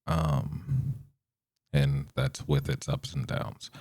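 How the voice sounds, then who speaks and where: A young man hosting his own podcast, rambling unscripted in a monotone with lots of fillers. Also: a bass voice, drawn-out words, creaky, no echo, clean studio sound. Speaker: podcast host.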